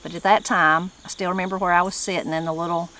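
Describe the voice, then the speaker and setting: Speaking quickly in a fairly low voice that's bright and forceful, a middle-aged woman from the western North Carolina mountains talks to camera with a strong Appalachian accent and fairly even intonation. As an online channel host and presenter, she's informal and folksy, using regional phrases, and the poor audio carries noticeable background noise of chirping insects.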